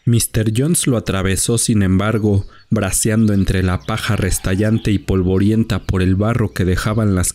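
A man reading a literary short story aloud as a measured audiobook narrator. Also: fairly low pitch, warm tone.

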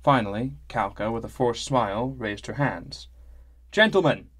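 Man narrating in a measured, wry voice. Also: mid-range voice. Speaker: audiobook narrator. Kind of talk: scripted first-person narration.

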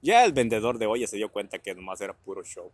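Family anecdotes pour out fast from a Guerrero man with a Mexican Spanish accent, his lowish voice rising and falling in a sing-song way. It's casual storytelling full of laughter, crude slang and acted-out voices, recorded dry.

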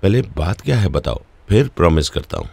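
A man's voice: low-pitched, big pitch swings, a little fast, creaky, darkish tone, slightly rough, dry recording, full character voice. An actor dubbing a wary young male writer in a romantic film, dry and suspicious in his questions. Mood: wry. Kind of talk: Hindi film dub.

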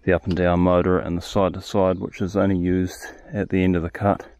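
A man casually explaining his work at an outdoor sawmill yard, recorded on a head-mounted camera, relaxed and thinking aloud. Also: deep voice, a little fast. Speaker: sawmill operator. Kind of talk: casual first-person narration. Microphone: head-mounted action camera.

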